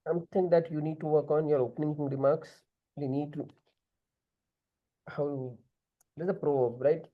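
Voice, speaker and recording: A man's voice: on the high side, steady tone, moderate pace, phone-quality sound. A man with an Indian accent giving direct group discussion feedback as an interview prep mentor, switching now and then into Hindi.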